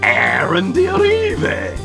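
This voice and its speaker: A man playing a spooky horror host, welcoming guests in a drawn-out, theatrical delivery. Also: sits high, huge pitch swings, vocal fry, loud music behind the voice, voice pushed up, full character voice.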